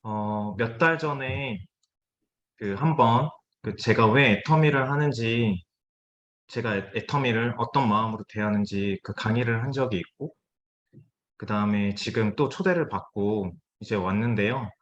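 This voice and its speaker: A man's voice: fairly low pitch, unhurried, fairly bright tone. A man as guest speaker giving a motivational business talk over a video call, conversational with frequent hesitations. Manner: conversational, many hesitation fillers. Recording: dull lo-fi video call audio.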